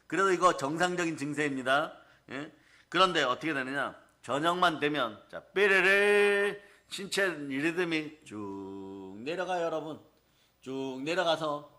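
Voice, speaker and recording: Forceful, bright-voiced male pastor preaching. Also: a little high. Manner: emphatic, calls out to the congregation; storytelling with acted asides. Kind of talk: sermon.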